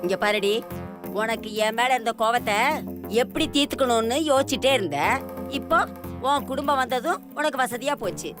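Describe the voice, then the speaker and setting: An actress playing a scheming, quarrelsome old grandmother in a TV serial, with a shrill, mocking manner and wailing exclamations. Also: normal speed, lightly acted. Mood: scornful. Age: older. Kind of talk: TV serial acting. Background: music.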